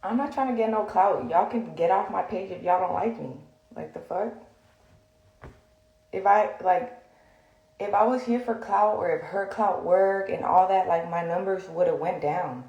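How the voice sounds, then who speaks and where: A woman's voice: mid-range voice, moderate pace, darkish tone, dull audio. A young woman in a heated, blunt rant to the camera, swearing and filling with "like". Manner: heated, blunt, swears often, many fillers. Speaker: social media personality. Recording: echoey room.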